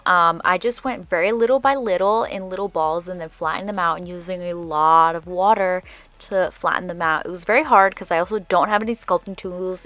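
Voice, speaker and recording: A woman with a lowish, slightly bright voice hosts a doll repaint tutorial, her braces subtly shaping her words. She narrates the craft voice-over in a chatty, candid, casual way, with no room sound.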